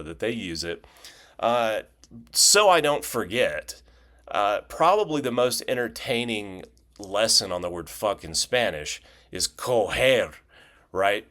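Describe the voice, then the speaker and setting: Low-voiced man rambling through a casual lesson. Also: a bit bright. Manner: loose and rambling, many fillers and restarts, joking asides. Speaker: language video host.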